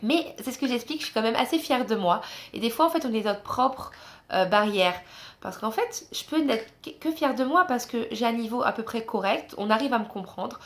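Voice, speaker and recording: A woman's voice: on the high side, animated, normal speed. Chatty young French woman vlogging. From France. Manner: chatty, frequent fillers, encouraging. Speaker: travel vlogger. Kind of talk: casual vlog talk to camera. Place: guest room of a host's home, indoors. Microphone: phone camera.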